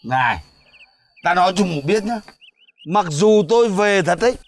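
A man's voice: sits high, expressive, moderate pace. A man plays a blustering, hot-tempered retired village mandarin in a folk comedy. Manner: pompous, bossy, shouting threats.

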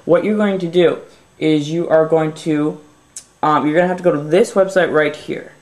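A young tech video host walks through a casual phone how-to, sounding a bit stuffy from a runny nose. He's relaxed and upbeat with lots of fillers, speaking at normal speed at a slightly high pitch, in a noticeably echoey room.

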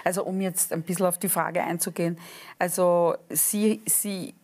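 A woman, chatting lively and at length as a guest on a TV talk show. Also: fairly low pitch, normal speed. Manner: talkative, lively, frequent restarts. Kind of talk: casual talk show chat. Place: TV studio set.

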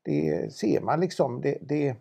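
Gravelly, husky man. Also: on the high side, dark tone. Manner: knowledgeable, chatty, many restarts. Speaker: car auction presenter. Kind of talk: casual car talk.

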